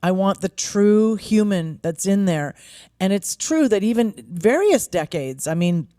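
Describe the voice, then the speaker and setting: A woman's voice: medium pitch, animated, a little slow, warm tone, dry recording, clean studio sound. A woman songwriter and vocal coach in a casual conversation, earnest and thinking aloud with many likes.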